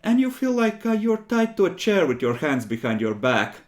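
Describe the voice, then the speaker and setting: A man's voice: high voice, big pitch swings, normal speed. A man working as game master, narrating a tabletop game off the cuff in an amused way.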